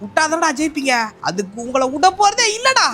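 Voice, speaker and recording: A voice actor playing a brash, boastful young male racer in a comic game dub, shouting and bragging. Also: high voice, big pitch swings, brisk, soft background music. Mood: mocking.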